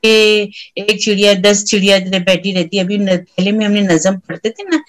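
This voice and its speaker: A woman's voice: mid-range voice, normal speed, faint music behind, poor audio. A woman teaching young children a rhyme, reciting it in a sing-song way and imitating the sounds of trains, birds and animals.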